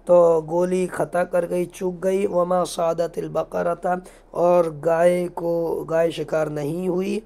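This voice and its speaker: A male Arabic teacher giving a beginners' lesson, reading each phrase slowly and then explaining it. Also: high voice, little pitch movement, vocal fry, mellow. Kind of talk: line-by-line reading and translation lesson.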